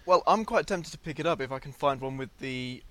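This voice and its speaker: A man's voice: mid-range voice, a little fast, a bit bright, dry recording. A man co-hosting a podcast, chatting casually as an enthusiast. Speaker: podcast co-host.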